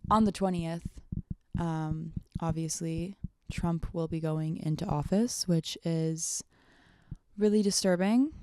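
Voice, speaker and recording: A young adult woman, hungover, chatting casually on her solo podcast in a halting, rambling way that often trails off, with vocal fry. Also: on the low side, warm tone, no echo, clean studio sound. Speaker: podcast host.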